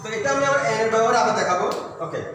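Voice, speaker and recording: A man from Bangladesh with a high voice teaches an English grammar lesson, patiently repeating words and checking that his students follow. He is picked up from a distance in a strongly echoing room, with a long reverb tail and faint background ambience. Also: animated, racing, background noise. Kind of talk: recorded classroom lesson. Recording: echoey room, mic far off.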